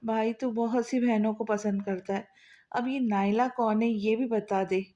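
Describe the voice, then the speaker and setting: A woman's voice: a little high, steady tone, measured pace, dark tone, natural voice. Woman playing a tough, teasing young woman. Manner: bossy, teasing.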